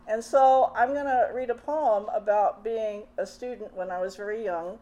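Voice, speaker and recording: An older woman, a poet, giving a reading of her own poems with casual spoken introductions between them, measured and unhurried. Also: medium pitch, steady tone, dark tone, rough recording.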